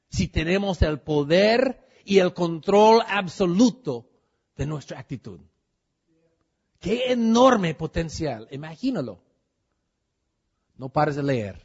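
High-voiced man giving a motivational talk. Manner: keeps asking the audience questions; drops English fillers into the talk. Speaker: motivational speaker at a business meeting. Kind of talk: motivational talk to a live audience. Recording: dull lo-fi recording.

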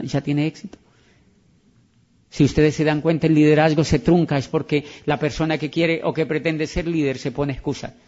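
This motivational speaker has a medium-pitched, darkish voice. Addressing an audience, he hammers his points home through repetition and plays out dialogues himself, all captured on a dull, lo-fi recording.

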